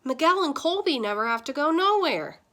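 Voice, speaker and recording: Woman doing a whiny, high little boy. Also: sing-song, a little fast, fairly bright tone. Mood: questioning. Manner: whiny questioning tone. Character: young boy, curious and complaining.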